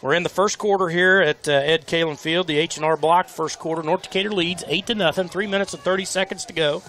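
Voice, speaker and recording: A man giving color commentary on a high school football game in a folksy, chatty way with homespun sayings. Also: steady tone, fast talker, sharp tone. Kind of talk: live sports commentary.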